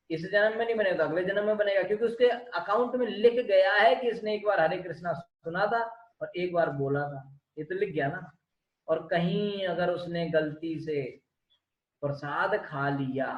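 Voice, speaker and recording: High-voiced man lecturing, echoey. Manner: lively, asks rhetorical questions. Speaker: spiritual lecturer. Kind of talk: devotional scripture talk. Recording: echoey dull room recording.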